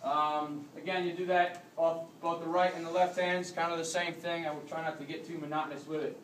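Moving as he demonstrates, a young American rugby coach explains technique at a clinic held in a large carpeted conference room with people standing around. His delivery is flat and fairly quick, in a slightly high, fairly bright voice. A phone camera across the room captures him distantly, with roomy echo and a little hiss or hum.

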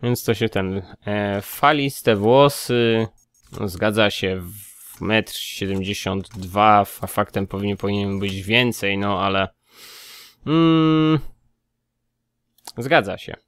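A man's voice: lowish voice, takes it slowly, pauses often, a bit bright, clean tone, no echo. A man casually commenting on his gameplay, thinking aloud and muttering as he checks details. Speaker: let's play gamer.

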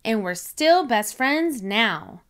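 Woman reading as a squeaky, eager little piglet girl from a storybook, high and lively. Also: takes it slowly, clean tone, exaggerated voice. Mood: excited. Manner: eager, excited questions.

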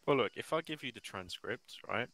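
A man chatting casually while playing a co-op game, swearing and rattling off quick bursts of talk. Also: medium pitch, lively intonation, pushed and bright, low-quality recording. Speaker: player and mission maker.

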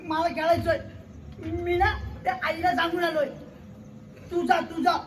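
A man's voice: extremely high pitch, little pitch movement, normal speed, slight background noise. A male performer playing a small boy whose mother has died, in a solo stage monologue, calling out in short, repeated childlike phrases. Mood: stubborn. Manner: childlike, repetitive, calling out insistently. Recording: roomy hall with music behind.

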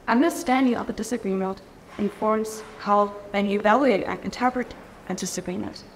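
Speaking into a lectern microphone in a big, reverberant conference hall, a keynote speaker from Germany lays out a research framework. Her medium-pitched voice is careful, full of fillers and frequent restarts. There's faint ambience and a slight hiss or hum.

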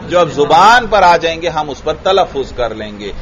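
A man's voice: on the high side, big pitch swings, moderate pace, fairly bright tone, rough recording. A man from Pakistan with a Pakistani Urdu accent, teaching a classroom grammar lecture and asking his students questions, then repeating their answers.

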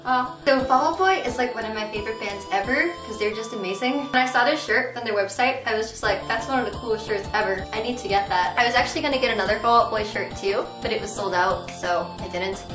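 Talking fast with barely a pause over music, a young woman does a casual haul video in her small bedroom with bare walls. She's bubbly, rambling and a bit sick, her voice slightly deep, peppered with "like" and "really," and the camera mic across the room leaves it echoey and distant.

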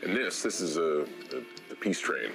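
A man's voice: low voice, big pitch swings, normal speed, vocal fry, over music, exaggerated voice. An actor playing a crude, cocky, childish man in a TV action comedy, with a goofy, profane manner. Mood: casual. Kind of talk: TV series comedy acting.

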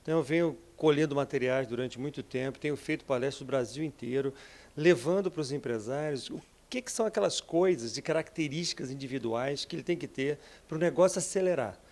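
A Brazilian entrepreneur in his fifties giving an energetic, persuasive interview in an office, speaking into a handheld mic. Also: medium pitch, brisk. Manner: energetic, persuasive, frequent tag questions. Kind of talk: interview answers. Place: office with bookshelves, indoors.

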